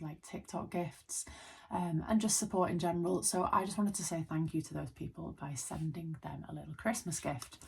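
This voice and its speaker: Husky, hungover woman telling a story. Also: low-pitched, a little mellow. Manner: informal, rambling, self-deprecating. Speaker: content creator telling a personal story to camera. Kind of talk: casual chatty storytime vlog.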